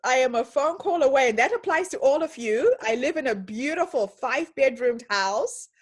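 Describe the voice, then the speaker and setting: Over a video call from her home, a woman gives an online lecture and fields questions, enthusiastic and storytelling in style. Her high-pitched voice has lively intonation and a moderate pace.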